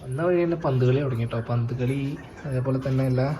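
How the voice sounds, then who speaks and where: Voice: mid-range voice, quick pace, a crowd in the background. A family member, chatting casually and answering offhand. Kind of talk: casual conversation.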